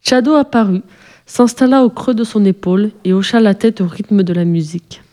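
A woman narrating a children's story in a calm, even storytelling manner. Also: mid-range voice, moderate pace.

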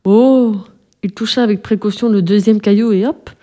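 Female storybook narrator, dark mellow tone, calm scripted reading. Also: medium pitch, normal speed.

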